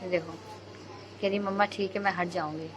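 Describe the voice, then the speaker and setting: A woman's voice: on the low side, steady tone, brisk, noisy background. A young woman, a mother, chattily narrating a home video of her daughter in casual voice-over.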